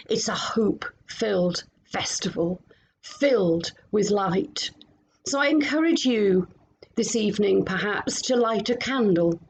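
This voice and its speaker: Slow-praying woman minister at home. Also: medium pitch, slight background noise, rough recording. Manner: slow, gentle, meditative prayer with pauses. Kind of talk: reflective prayer and sermon.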